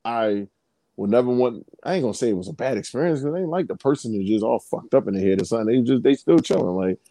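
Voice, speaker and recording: A man's voice: medium pitch, expressive, quick pace, warm tone, dry recording, rough recording. A man co-hosting a podcast, telling stories in loose, profane casual chat with lots of restarts. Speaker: podcast co-host.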